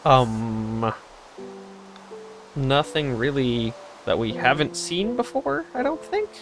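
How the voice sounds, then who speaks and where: A man's voice: mid-range voice, very animated, slow pace, fairly bright tone, soft background music. A young man hosting a casual let's play, rambling through his plans with sarcastic asides and frequent laughs. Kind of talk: casual gameplay chat.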